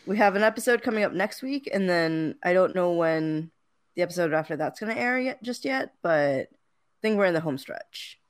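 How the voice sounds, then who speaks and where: A woman co-hosting a podcast, chatting casually and teasing her partner with frequent laughs. Her pitch swings lively, and the sound is dry and close. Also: moderate pace, no room sound. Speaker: podcast co-host. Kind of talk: casual chat.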